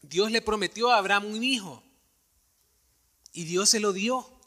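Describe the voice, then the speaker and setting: A man's voice: high voice, measured pace, pushed and bright. A man preaching a sermon to a congregation, earnest and questioning, addressing the listeners directly. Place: church sanctuary with live congregation. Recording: long hall reverb.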